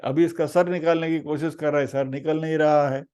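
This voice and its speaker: A man giving a spiritual discourse on scripture, telling a story with lively acted-out voices, asking the listeners rhetorical questions and mixing in English phrases. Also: fairly high pitch, fairly quick, clear, resonant tone, highs cut off. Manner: asks the audience rhetorical questions; mixes English phrases into the talk. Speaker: spiritual teacher.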